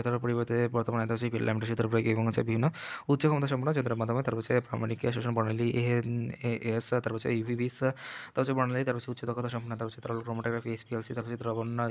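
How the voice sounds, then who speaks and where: A man teaching chemistry in a fast exam revision lecture, rattling through points one after another with the same connective phrase between items. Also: medium pitch, no room sound. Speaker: chemistry tutor.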